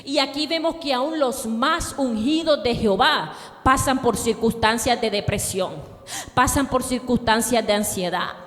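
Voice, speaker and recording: A woman pastor preaching a sermon with fervor, calling on the congregation to repeat after her and rising to shouts. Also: on the high side, long reverb tail. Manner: fervent preaching, rising to shouts, call and response.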